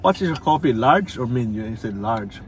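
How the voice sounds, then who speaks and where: A man's voice: mid-range voice, animated, normal speed, very noisy. A middle-aged man from the Philippines with a Filipino accent, chatting casually and patiently prompting a child to repeat phrases. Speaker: father and vlog host. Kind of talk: casual family vlog chat. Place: inside a car at a drive-through.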